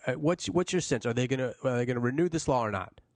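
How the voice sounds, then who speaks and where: A man's voice: medium pitch, lively intonation, fast talker, no room sound. A man hosting a casual talk show, who asks questions and tosses in playful, joking hypotheticals. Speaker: host.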